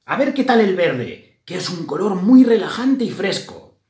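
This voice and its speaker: A storyteller voicing a gentle young girl mouse for a children's storybook reading. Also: medium pitch, sing-song, measured pace, voice pushed up. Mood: hopeful. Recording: roomy echo.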